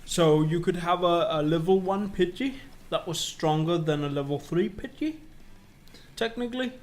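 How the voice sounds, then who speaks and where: A man's voice: sits high, moderate pace. A man co-hosting a podcast, patiently explaining details in casual chat, with some stammered restarts. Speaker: podcast co-host.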